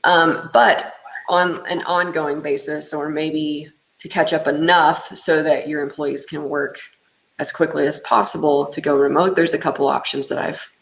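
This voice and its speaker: A woman's voice: low-pitched, fairly even intonation, a little slow, gravelly. A woman hosting a casual business webinar, talking conversationally with fillers like um and you know. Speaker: webinar host and business owner. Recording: echoey room sound.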